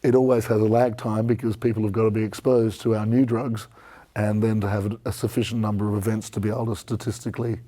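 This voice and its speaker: A man with a hoarse, croaky voice presenting an expert conference review in a measured, explanatory way. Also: lowish voice, level tone, warm tone. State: croaky from a strained voice this week.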